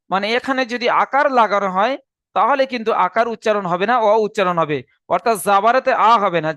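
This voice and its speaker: A man's voice: high voice, sharp tone, dry recording. A man teaching an online Quran reading class, patient, repeating each letter and point twice.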